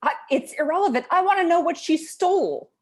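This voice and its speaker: A woman's voice: very high-pitched, animated, fairly quick. A woman acting a blunt, sarcastic doctor in an audio drama. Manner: dry, cutting sarcasm.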